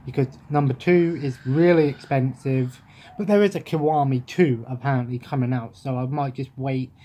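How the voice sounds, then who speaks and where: A young gaming vlogger with an English accent rambles casually to camera from the sofa in his living room, absent-minded and full of restarts. He speaks at normal speed in a medium-pitched, dark-toned voice, filmed on a webcam at close range.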